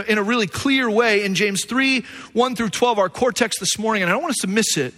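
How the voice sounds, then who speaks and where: Male pastor, bright and forceful tone, animated sermon delivery with self-deprecating humor. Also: very high voice.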